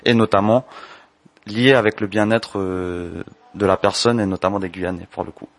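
A man in his twenties from French Guiana, answering interview questions about his business in a measured, explanatory way. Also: fairly low pitch, fairly even intonation, no room sound. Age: 20s. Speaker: entrepreneur, candle maker.

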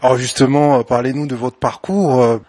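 Male interviewer, hesitant delivery full of fillers, mid pitch, dry close sound. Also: fairly even intonation, fairly quick, darkish tone, no room sound. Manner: hesitant, frequent "euh" fillers. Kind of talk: interview questions.

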